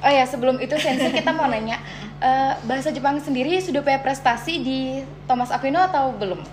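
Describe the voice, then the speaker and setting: A woman's voice: sits high, fairly quick, over music. A young woman with an Indonesian accent hosting a casual interview in a chatty, exclaiming way. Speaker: student podcast host. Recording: clear background noise.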